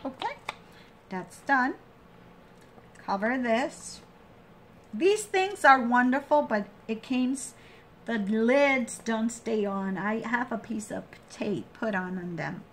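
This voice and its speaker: A woman with a slightly high voice walks through a craft project at a very slow pace. She is casual and halting, often trailing off and restarting as she explains each step. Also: animated, a little hiss or hum. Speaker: craft tutorial host.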